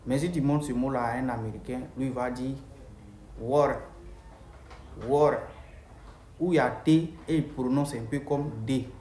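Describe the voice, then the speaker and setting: A man's voice: medium pitch, steady tone, a little fast, hardly any pauses, mellow, slight background noise. Man teaching English in a roomy space. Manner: repeats key phrases, addresses viewers directly. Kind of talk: casual video lesson. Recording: roomy with faint ambience.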